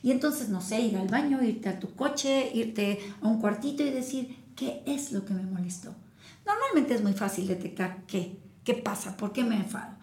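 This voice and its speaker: A woman co-hosting a casual wellness chat, speaking in a calm, reflective way with everyday examples. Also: fairly high pitch, moderate pace. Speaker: podcast co-host. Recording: echoey room.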